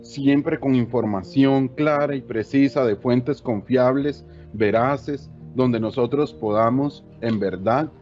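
A man's voice: mid-range voice, slow, few pauses, darkish tone, lo-fi sound, soft background music. A man with a Costa Rican accent giving an explanatory talk to teachers, often adding tag questions. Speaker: education official giving a talk. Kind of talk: presentation to teachers.

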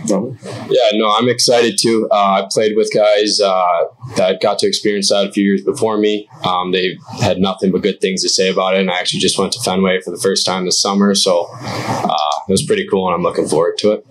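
Very deep, flat-voiced young man, relaxed. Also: a little fast, poor audio. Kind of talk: press conference remarks.

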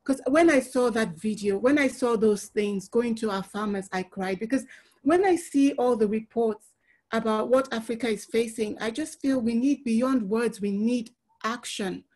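A woman's voice: fairly high pitch, moderate pace. Woman moderating a video call. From Nigeria. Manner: warm, effusive, many filler ums. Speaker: webinar moderator. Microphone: laptop webcam video call.

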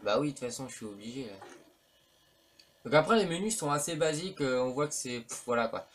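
A man chats his way through a horror game, rambling, full of fillers and casual slang. His voice sits in a mid range, neither high nor low. Faint background noise hums under the recording. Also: animated, brisk, fairly bright tone. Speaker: let's play commentator. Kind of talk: casual gameplay commentary.

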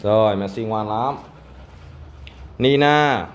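A man with a mid-pitched voice talks casually as a pet vlogger, addressing his dogs and his viewers. His manner is coaxing, with short commands mixed into the chat. The handheld home recording carries clear background noise. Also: unhurried. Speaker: dog owner and vlogger. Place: indoor tiled room at home. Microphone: handheld phone behind the camera.

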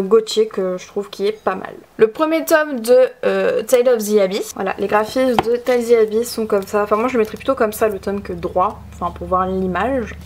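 Chatty young woman, slightly high voice. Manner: chatty, hesitant with frequent fillers. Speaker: manga collection vlogger. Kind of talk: casual shelf tour narration.

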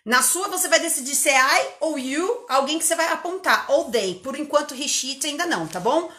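A woman English teacher with an interior São Paulo accent, giving an energetic live online lesson and drilling words over and over. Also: high-pitched, brisk, roomy sound. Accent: interior São Paulo Portuguese.

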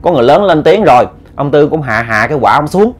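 Southern vietnamese guy narrating a ghost story, talky and earnest, kinda high voice. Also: animated, fast.

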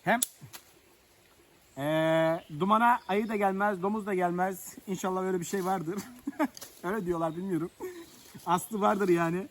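This man's voice is high and steady, at a moderate pace with frequent pauses, and there is slight background noise. He's outdoors in the countryside making a casual vlog, joking with viewers as he gets a fire going.

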